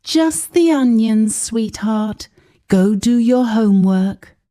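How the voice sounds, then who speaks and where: A tired, anxious mother, played by a woman narrator in a spoken storybook. She speaks softly and pleadingly, in a lively, swooping voice with a dark, mellow tone. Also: on the high side, slow pace, voice pushed up. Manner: soft, pleading and placating.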